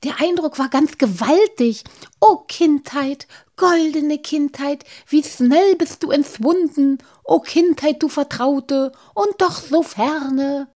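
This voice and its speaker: A woman's voice: fairly high pitch, big pitch swings, measured pace, a little mellow, breathy edge, pitched above the performer's own voice, full character voice. A woman voicing a dreamy, sentimental male gnome in a storybook reading, speaking in rising, gushing phrases. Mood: rapturous.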